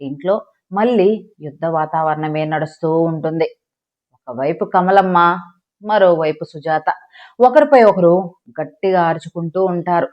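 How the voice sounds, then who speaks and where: Woman reading a village story out loud, lowish voice, muffled lo-fi sound. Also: normal speed, pauses often. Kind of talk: scripted story narration. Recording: dull lo-fi recording.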